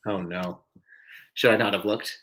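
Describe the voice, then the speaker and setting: A man's voice: lowish voice, steady tone, a little slow, a bit bright, low-quality recording. A man hosting a live-streamed trivia night, chatty and self-deprecating, often chuckling at his own mistakes. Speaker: trivia host.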